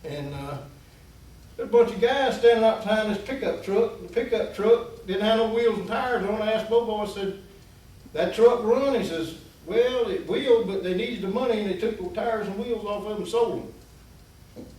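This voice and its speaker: A man's voice: sits high, normal speed, darkish tone. Folksy man telling a yarn, very echoey. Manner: folksy, rambling, acts out quoted voices. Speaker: guest storyteller. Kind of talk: casual storytelling. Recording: very echoey room, distant mic, faint hiss.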